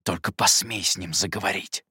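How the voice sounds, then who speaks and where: A man voicing a brusque young man who talks low, clipped and insulting. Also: steady tone, normal speed, sharp tone, husky, no echo, studio quality, exaggerated voice. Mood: threatening, urgent.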